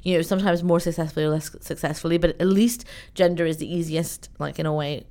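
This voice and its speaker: Woman, interview guest, fairly low voice, lively and chatty, lots of "like" and "you know". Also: quick pace. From Iran, raised in the UK. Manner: animated, chatty, many fillers. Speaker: event organizer, guest. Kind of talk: conversational interview.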